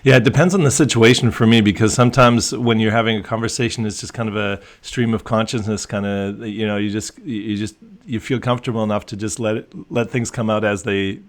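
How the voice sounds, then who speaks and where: A male coach, a native English speaker, talks in a casual conversational discussion, reflective and full of restarts and fillers. His lowish voice keeps a steady tone, moving a little fast with hardly any pauses.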